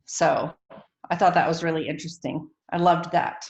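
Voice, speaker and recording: A woman's voice: sits low, fairly even intonation, moderate pace, lo-fi sound. A woman hosts a book club discussion over a video call. She talks in an upbeat, chatty way with frequent ums. Her audio has a roomy echo. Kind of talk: casual chat on a video call.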